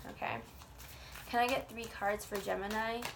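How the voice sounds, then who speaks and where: A woman's voice: medium pitch, steady tone, normal speed, creaky, background noise. A woman reading tarot in an informal, chatty way, with blunt, colloquial phrasing and frequent swearing. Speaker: tarot reader.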